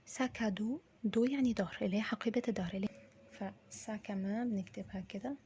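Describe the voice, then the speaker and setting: A woman with an Egyptian Arabic accent teaching French pronunciation, saying words slowly, repeating them and often dropping to a whisper. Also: mid-range voice, dark tone, dull audio, a little hiss or hum. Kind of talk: pronunciation lesson.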